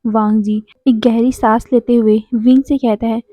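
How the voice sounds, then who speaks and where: A woman narrating a story retelling in a chatty, expressive way. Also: fairly high pitch, normal speed, no echo. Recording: dry, dull lo-fi sound.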